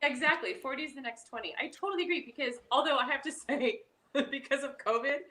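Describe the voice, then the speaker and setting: A woman's voice: sits high, fast talker, bright, forceful tone. A woman in her late thirties, a guest in a casual chat, talking playfully and laughing often. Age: 30s.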